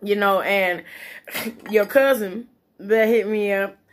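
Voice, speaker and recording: A woman's voice: medium pitch, steady tone, slow. Blunt woman chatting casually over food. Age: adult, parent. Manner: blunt, opinionated, emphatic, swears freely; eating while talking, mouth sometimes full. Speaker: vlogger giving relationship and parenting opinions. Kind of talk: casual chit-chat monologue.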